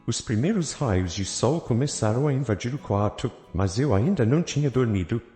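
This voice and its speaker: A man giving a measured, scripted first-person narration of a story. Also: mid-range voice, expressive. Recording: roomy reverb with soft guitar music. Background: soft guitar music.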